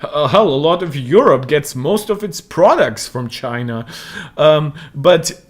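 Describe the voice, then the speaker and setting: A chatty young tech channel host from Moldova, whose first language is Russian, delivers a casual commentary monologue. His voice is on the high side and expressive, at a measured pace. He rambles, with many fillers and self-corrections.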